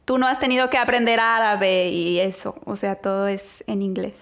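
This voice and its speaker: A woman with a Mexican accent co-hosts a relaxed interview. She asks her questions in a casual, encouraging tone and keeps the chat moving. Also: medium pitch, normal speed, creaky. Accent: Mexican Spanish. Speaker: podcast co-host.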